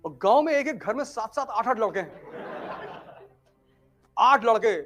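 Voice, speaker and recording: A man giving a humorous motivational talk, telling stories with animated swings between loud and hushed delivery. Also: very high-pitched, measured pace, soft background music, some chatter behind. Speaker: motivational speaker.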